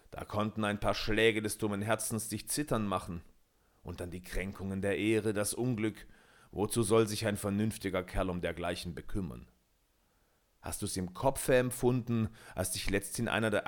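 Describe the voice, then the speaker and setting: A man voicing a sly tempter who mocks and coaxes in a slow, deliberate, low voice. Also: natural voice. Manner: persuasive, scornful, slow and deliberate.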